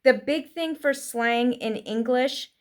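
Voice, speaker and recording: A woman giving a casual spoken lesson with tips for English learners, talking quickly with frequent fillers. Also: a little high. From United States. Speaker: vlogger teaching English learners.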